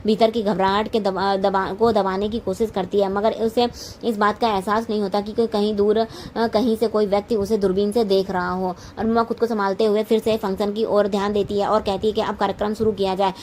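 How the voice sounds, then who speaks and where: A woman's voice: medium pitch, flat delivery, a little fast, darkish tone, slight background noise. A woman narrating a TV serial recap, often stumbling and correcting herself mid-sentence. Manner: frequent restarts and self-corrections.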